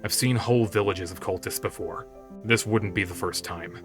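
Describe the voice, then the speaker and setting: A man voicing a gruff, serious drake hunter. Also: moderate pace, music in the background, natural voice. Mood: grim. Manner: terse, low and guarded. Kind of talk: audiobook character voice.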